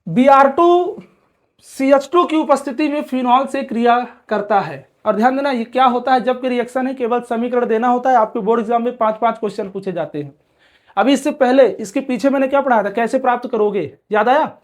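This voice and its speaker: Here a chemistry teacher, male, speaks very high-pitched and fairly quickly during an exam-prep session. Asking and then answering his own questions, he urges the class to focus and drills key terms again and again.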